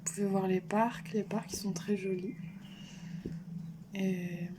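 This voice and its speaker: A woman's voice: medium pitch, steady tone, slow, noisy background. A young French woman giving earnest, hesitant travel advice in a casual vlog, with many fillers and restarts. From France. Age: young adult. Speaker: vlogger.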